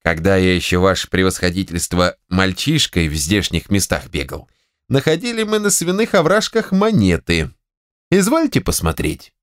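A man's voice: deep voice, big pitch swings, normal speed, no room sound, studio quality. A man reading a story, voicing an old servant who speaks to his masters in a respectful, formal way. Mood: deferential.

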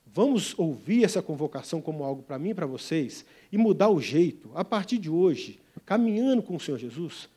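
High-voiced preacher telling a story. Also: male voice, very animated, a little fast, hardly any pauses, slightly rough. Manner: emphatic storytelling, swings from loud to hushed. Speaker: pastor, missionary. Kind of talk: sermon.

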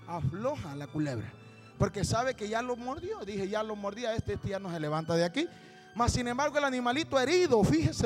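A male preacher telling a story in a sermon, rising to shouted exhortation and calling his listeners brother. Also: very high voice. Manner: calls listeners "hermano" constantly. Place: church.

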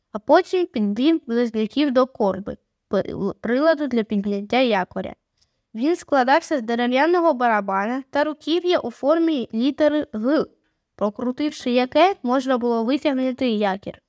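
A woman reading a children's adventure audiobook, voicing the children's shouts herself, with occasional stumbles. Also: a little high, no echo, studio quality. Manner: reads steadily, raising her voice for the children's shouted lines. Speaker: audiobook reader. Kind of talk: audiobook narration with voiced dialogue.

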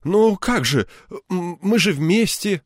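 A jealous, absent-minded male scientist, as a narrator puts him on, speaking in indignant, stammering outbursts that run high above the narrator's usual voice. It is audiobook dialogue with a dry, close sound. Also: sing-song, normal speed, no echo. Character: flustered, jealous male scientist with a thin beard.

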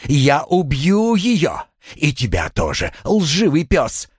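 A man's voice: a little high, wildly swooping pitch, slow, breathy edge, no room sound, studio quality, voice pushed up, exaggerated voice. A man putting on a screaming jealous wife. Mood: frantic rage. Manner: screaming threats, dragged-out words. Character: hysterical jealous wife, frantic, screaming woman.

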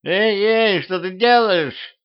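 A shrill severed head of a woman, as a man puts her on. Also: slow pace, dull audio. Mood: shrieking. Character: cheeky blonde woman's severed head on a wall.

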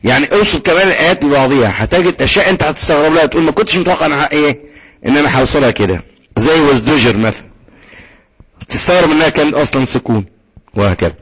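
Man, Egyptian accent, recitation teacher, fairly high voice, muffled lo-fi sound, asks then answers his own questions. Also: expressive, fairly bright tone, slightly rough. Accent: Egyptian Arabic. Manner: asks questions and answers them himself, slow drawn-out recitation. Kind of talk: tajweed lesson with recitation.

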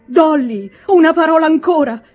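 A woman reader voicing a guilty husband who pleads in a trembling, timid voice, with a husky tone. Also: a little high, animated, normal speed, darkish tone, soft background music, pitched above the performer's own voice. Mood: pleading.

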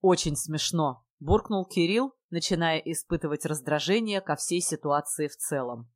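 Woman narrator, low voice, dry close sound, wry audiobook reading. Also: animated, moderate pace, no room sound.

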